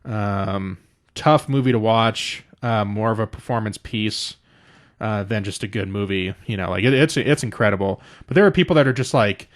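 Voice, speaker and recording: A man co-hosting a wrestling podcast in casual chat, animated and profane, acting out quotes in a raised voice. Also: on the low side, normal speed. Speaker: podcast co-host.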